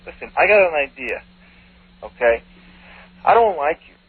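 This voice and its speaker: A man's voice: fairly high pitch, sing-song, normal speed, slightly rough. A man calling in to a radio show, sounding faint and distant because his phone is held away from his mouth. He talks in a confrontational, taunting way. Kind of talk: call-in radio. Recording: tinny phone line, far from the handset.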